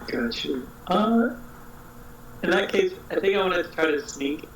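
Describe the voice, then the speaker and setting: Gravelly man on echoey voice chat. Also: high voice, animated, a little slow, fairly bright tone, a little hiss or hum. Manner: hesitant, thinks aloud with ums. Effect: heard over group voice chat, cutting out. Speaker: tabletop game player. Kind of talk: casual game chat. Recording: echoey room over online voice chat.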